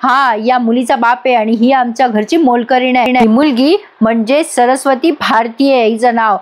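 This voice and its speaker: A woman voicing a sharp-tongued, scornful young woman in a story recap. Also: fairly high pitch, steady tone, normal speed, natural voice.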